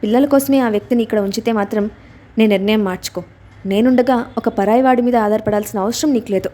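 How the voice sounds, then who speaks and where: Woman doing a pushy show-off young guy, whiny and bossy, mellow tone, audio story. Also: on the high side, fast, lightly acted. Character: pushy boastful young celebrity man.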